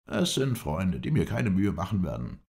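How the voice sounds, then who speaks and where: A steady, dignified Bedouin guide, as a male reader puts him on, measured and unhurried. The voice carries a gravelly edge over a very deep base, with a lively pitch. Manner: calm, measured.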